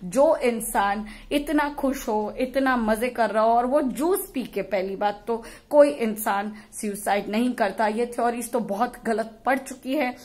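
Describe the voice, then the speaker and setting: A woman YouTuber ranting angrily and forcefully in a vlog, slipping English phrases into her talk. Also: on the high side, measured pace, hardly any pauses. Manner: angry, insulting, forceful; mixes English phrases into Hindi. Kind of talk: impassioned vlog rant.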